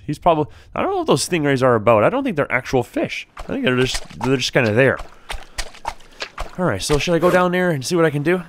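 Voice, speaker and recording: A man's voice: on the high side, big pitch swings, fast talker, slight background noise. A man giving casual let's play commentary, chatty and talking to the creatures in the game.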